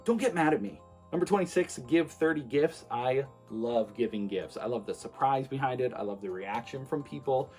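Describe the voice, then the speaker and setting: A young man in his 20s, a streamer and vlogger, talks casually to the camera at a normal speed with an average-pitched voice. He rambles loosely through his plans for viewers, relaxed and full of fillers and false starts, while faint music plays quietly beneath him.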